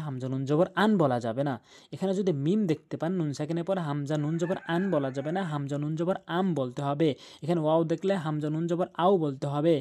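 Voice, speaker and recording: A man's voice: a little high, mellow. A man teaching the rules of Quran recitation, patiently repeating each rule, spelling out letters and drawing out the recited words. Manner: drawls the recited Arabic words. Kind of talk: tajweed lesson over a screen drawing.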